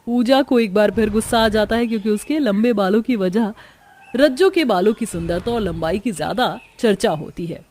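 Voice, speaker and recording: A woman giving scripted story narration in a steady, even storytelling voice. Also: mid-range voice, normal speed, slight background noise.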